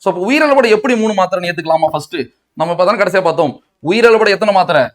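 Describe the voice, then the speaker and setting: Man, Tamil Nadu accent, high-pitched, coaching lecture, rhetorical questions. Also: animated, fast talker. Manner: asks and answers his own questions, mixing in English words. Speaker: Tamil grammar teacher.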